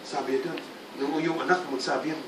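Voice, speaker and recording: A male pastor giving a lively church sermon, often calling out for the congregation's response. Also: fairly high pitch, a little fast, noisy background. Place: church hall. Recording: roomy hall, distant mic, congregation sounds.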